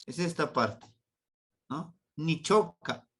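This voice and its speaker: A man from Mexico teaching a Nahuatl grammar lesson online, slow and patient, repeating words for his students. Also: on the high side, animated, a bit bright.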